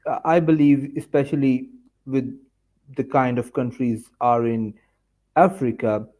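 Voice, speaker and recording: A man giving his views in a casual political discussion who speaks in a measured way and hedges his points. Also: mid-range voice, steady tone, warm tone, poor audio.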